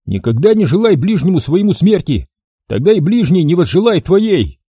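Brief: male reader voicing a crude joking sidekick, raised pitch, loud, brash, dry booth sound. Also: sing-song, moderate pace, breathy edge, no room sound, exaggerated voice. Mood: mocking. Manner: mocking, cheeky, loud.

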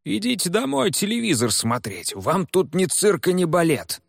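A man's voice: high voice, huge pitch swings, moderate pace, no room sound, studio quality, pitched above the performer's own voice, heavily acted. A man voicing a rude, suspicious middle-aged police officer who barks his words. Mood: gruff. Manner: gruff, barking.

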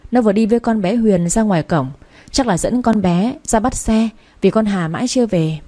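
A woman voicing an elderly household nurse who speaks slowly and plainly in a lowered voice. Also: mellow, close to an everyday voice. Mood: matter-of-fact.

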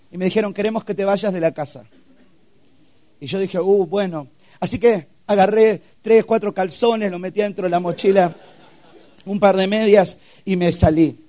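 A man's voice: high-pitched, warm tone. A young man preaching a personal testimony at a youth camp, telling his story with emotion and acted-out sound effects. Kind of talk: testimony sermon.

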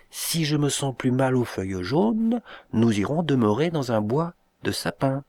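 A man's voice: medium pitch, a little mellow, no room sound, pitched above the performer's own voice. A man voicing a frail dying young woman who pleads tenderly in an audiobook.

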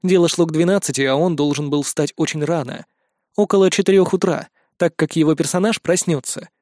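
A man's voice: fairly high pitch, a little fast, darkish tone, no room sound, clean studio sound. Wry male audiobook narrator. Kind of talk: first-person audiobook narration.

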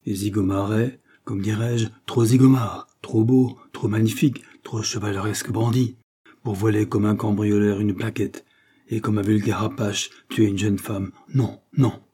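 A man's voice: on the low side, dark tone, breathy edge. A man reading the lines of a shrewd, grave middle-aged detective chief who reasons with insistence. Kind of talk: scripted narration.

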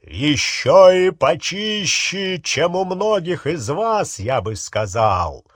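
A man voicing a young wizard disguised as a powerful official, talking with booming authority. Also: unhurried, slightly rough, no echo, studio quality. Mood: contemptuous. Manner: commanding, booming.

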